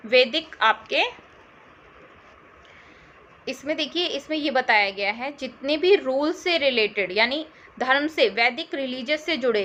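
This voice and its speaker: A woman's voice: high-pitched, sharp tone. A woman teaching an exam-prep history lesson, who repeats key terms and quizzes her listeners with questions. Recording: slightly dull audio with faint noise.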